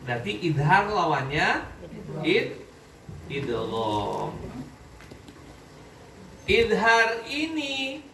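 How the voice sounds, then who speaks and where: A high-pitched man teaching a Quran recitation class, quizzing students and checking that they follow. He sounds far from the recorder in an echoey room. Faint background noise runs underneath. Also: lively intonation, moderate pace, long pauses. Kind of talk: classroom tajwid lesson.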